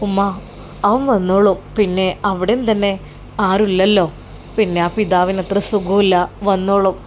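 A woman lowering her voice for a young grown son who comforts his worried mother, steady and earnest. His tone sits noticeably deeper than her own in a storybook tale. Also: normal speed, a little hiss or hum, natural voice. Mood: reassuring. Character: young adult male son, calm and reassuring.

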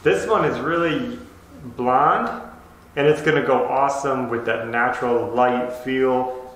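Speaking to camera in a relaxed way, this thirtysomething renovation vlogger explains his work from an empty bedroom being redone indoors. His pitch sits in the middle, his pace is measured, and his tone is fairly bright. The recording carries a lot of echo from the empty room.

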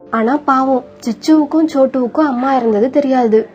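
Female storybook narrator, sorrowful and steady, dull lo-fi sound. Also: high-pitched, moderate pace. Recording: dull lo-fi with faint music.

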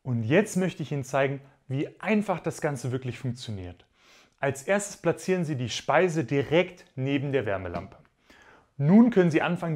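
A young man presents a product in a polished, scripted way, formal and courteous. His voice sits somewhat high for a man. Recorded in a studio on a mic kept out of shot. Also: darkish tone. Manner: formal, polite, promotional delivery. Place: studio in front of a gray backdrop.

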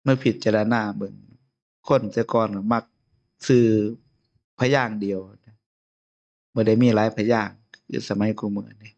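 Man, Isan Lao accent, abbot giving a sermon, chatty, chuckles often, lowish voice, dull lo-fi sound. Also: fairly even intonation, normal speed, gravelly, pauses often, darkish tone. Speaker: abbot giving a Dharma talk. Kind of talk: informal sermon.

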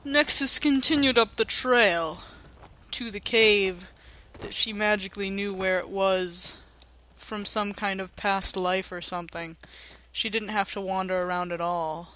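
Young woman doing game commentary, bright voice, slow laid-back pace, jokey and sarcastic. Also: medium pitch, fairly even intonation. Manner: chatty, sarcastic, self-narrating in third person. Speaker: gameplay narrator. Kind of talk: playful let's-play commentary.

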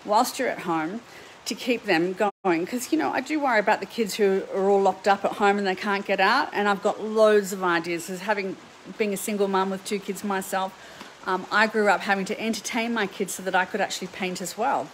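A woman's voice: mid-range voice, steady tone, brisk, slight background noise, low-quality recording. Upbeat Australian woman art teacher. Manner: upbeat, chatty, greets viewers by name. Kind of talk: live stream chat to viewers. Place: home painting studio.

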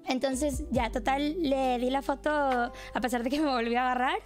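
A woman's voice: high voice, steady tone, moderate pace, faint music behind. A woman streamer telling a personal story in an earnest, confiding way.

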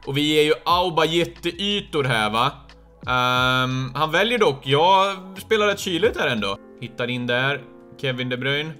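A young man giving live commentary on his own football video game match, chatty and quick to shout and cheer when goals go in. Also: fairly high pitch, clean tone, faint music behind. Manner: excitable, bursts into loud cheers at goals. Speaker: gaming streamer.

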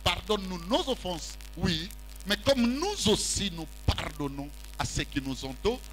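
Roaming the stage of a large church hall, a middle-aged preacher gives a very animated, slightly slow sermon in French and Lingala, drawing call-and-response answers from the congregation. His high, bright voice swoops and climbs into a handheld mic, and the low-quality recording has a faint hum underneath.

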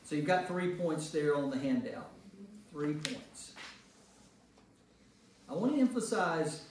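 Here a priest with a fairly high, slightly mellow voice runs a church Bible study, very animated yet taking his time. He teaches the discussion group informally and checks in through rhetorical questions. The sound is very echoey, recorded from a distance in a reverberant church meeting room with faint noise.

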